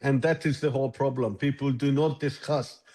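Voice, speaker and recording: The recording is rough, and the man's voice is dark, medium in pitch, steady and moderately paced. In his sixties and originally from Hungary, he founded an app and appears as a guest in a conversational interview, where he answers with thought and keeps restarting his sentences.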